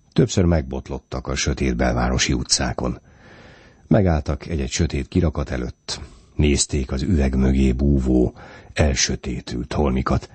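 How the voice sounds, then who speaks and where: Deep husky guy reading a short story, calm measured pace, dry close sound. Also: no echo. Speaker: audiobook reader. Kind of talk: scripted narration of a short story.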